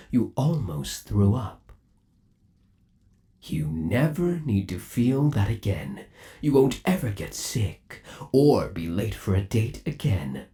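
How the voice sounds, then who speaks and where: In an ASMR roleplay, a man plays an undead animatronic lover who is obsessively devoted. His low, dark voice moves slowly with wide pitch swings, and his heavily acted, theatrical delivery coaxes with eerie tenderness while lingering on every endearment.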